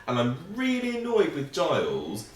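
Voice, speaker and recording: Co-hosting a reaction show, a man chats casually but with clear frustration while reviewing an episode, an animated critic. His voice is on the high side at a moderate pace, picked up by a distant mic in an echoey room.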